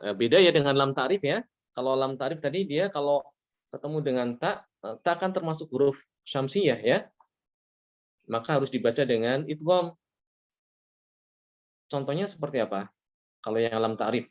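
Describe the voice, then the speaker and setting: A man teaching a Quran recitation lesson, explaining rules patiently, checking in with frequent "ya" and chanting Arabic examples slowly. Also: medium pitch, lively intonation. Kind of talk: religious lesson on tajweed rules.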